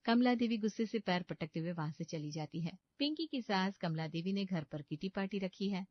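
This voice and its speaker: A woman giving scripted storybook narration for a cartoon in an even, plain manner. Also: medium pitch, moderate pace, dry recording. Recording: dull, dry lo-fi voice-over.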